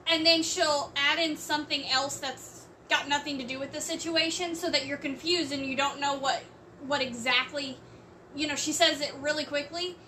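Woman, high and bright, slow measured delivery, slightly off-mic with faint noise. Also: distant mic. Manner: slow, measured, explains at length. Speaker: co-host discussing a court case. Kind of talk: casual chat.

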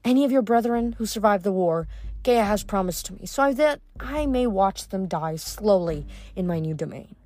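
A woman's voice: medium pitch, lively intonation, normal speed, darkish tone, lightly acted. A woman voicing a spiteful, scheming sorceress queen who sneers and mocks. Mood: scornful. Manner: sneering, mocking, dismissive.

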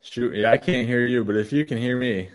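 A man's voice: mid-range voice, brisk, low-quality recording. A man in his late twenties, a former college football player, chatting casually as a guest over a glitchy video call whose audio drops out and clips his word endings. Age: late 20s. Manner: loose, filler-heavy talk with many "you know"s. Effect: glitchy video-call audio with choppy, cut-off endings. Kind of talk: casual interview chat.

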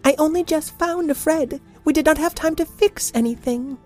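Woman doing a tiny high-voiced pixie girl. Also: normal speed, darkish tone, soft background music, natural voice. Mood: earnest. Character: small brave little girl pixie, earnest.

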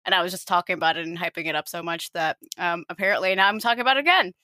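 A woman's voice: fairly low pitch, rapid-fire, bright, forceful tone, no room sound, clean studio sound. A woman in her late twenties, born in Finland, with an international-school, American-like accent, chatting as a podcast guest in a chatty, self-deprecating way. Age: 20s. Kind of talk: casual interview chat.

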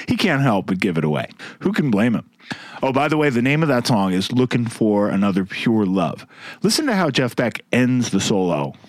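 A man's voice: medium pitch, no echo. Guy hosting a music podcast, chatty and wry, dry close sound. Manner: chatty, wry, hums melodies. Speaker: podcast host. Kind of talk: casual music commentary.

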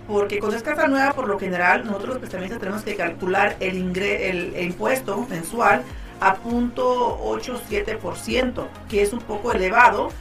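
A woman's voice: medium pitch, fairly bright tone. A woman co-hosts a talk show as a lender, explaining and advising in a casual, conversational way. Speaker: radio show co-host and mortgage lender. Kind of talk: casual on-air talk and advice.

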